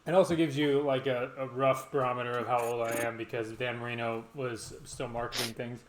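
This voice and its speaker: A middle-aged man hosting a casual chat, telling stories in a halting, hesitant way. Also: medium pitch, level tone, a crowd in the background. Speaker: podcast host and challenge organiser. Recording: roomy, echoing sound with background noise.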